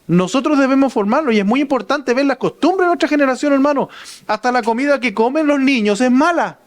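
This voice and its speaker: A man's voice: very high-pitched, a little fast. A man with a Chilean Spanish accent, preaching a sermon as pastor and often turning to the congregation with "brother" and "right?". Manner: addresses listeners as brother, asks "right?".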